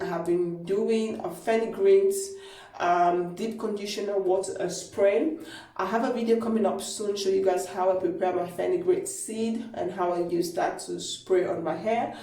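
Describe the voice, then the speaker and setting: A woman talks casually to her viewers in a loose, rambling way, full of fillers and restarts. Her voice is soft and mellow. The sound is a low-quality phone stream that bounces around a small bathroom and is picked up from a distance. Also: reverberant. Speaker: hair care vlogger. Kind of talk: casual how-to vlog. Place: small echoey home bathroom. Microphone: mobile phone camera.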